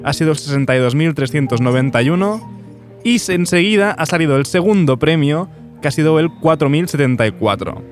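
A man's voice: on the high side, expressive, brisk, soft background music. A man with an accent from Spain, casually giving live updates and chatting as a co-presenter. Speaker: co-presenter reporting lottery results.

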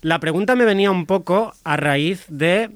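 A man leading a casual radio discussion. His voice sits a little high and sounds dry and close. He talks in bursts, often restarting his sentences mid-thought. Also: moderate pace, no echo. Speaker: radio segment presenter.

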